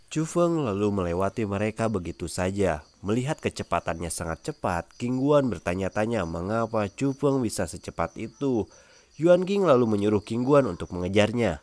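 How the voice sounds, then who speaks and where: Low-voiced man narrating a comic recap. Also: normal speed, no room sound. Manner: steady storytelling, friendly sign-off appeals.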